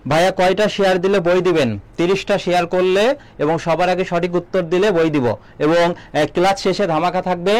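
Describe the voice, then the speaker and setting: A young man teaching a live online exam-prep class, asking quick questions and reading out viewers' comments. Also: sits high, fairly even intonation. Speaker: admission coaching teacher.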